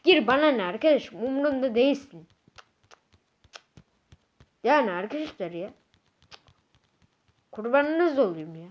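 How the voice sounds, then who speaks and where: A woman's voice: high-pitched, highs cut off. A woman giving casual gameplay commentary as a YouTuber, ranting in an agitated way and repeating herself a lot. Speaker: gaming YouTuber.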